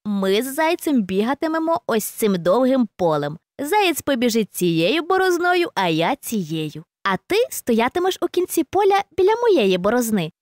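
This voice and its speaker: Woman doing a sly, high little hedgehog man. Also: sing-song, normal speed, a little mellow, no echo, clean studio sound. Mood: sly confident. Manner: sly, self-assured. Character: clever boastful male hedgehog. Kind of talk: storybook reading.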